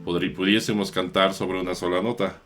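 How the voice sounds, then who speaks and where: A priest explaining how psalms are chanted, in a slow, measured lesson with small self-corrections. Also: male voice, deep voice, fairly even intonation, over music.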